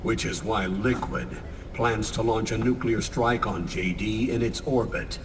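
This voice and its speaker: Grave, commanding military officer, slow. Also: male voice, fairly low pitch, in a large hall, recorded from a distance, noisy background. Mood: grave, explanatory. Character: grave older male military commander giving briefing. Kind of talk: video game mission briefing.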